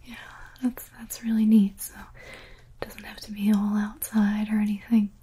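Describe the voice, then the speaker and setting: A young woman whispering softly and reassuringly, in a whispered medical roleplay as a paramedic. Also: mid-range voice, level tone, normal speed, a little hiss or hum.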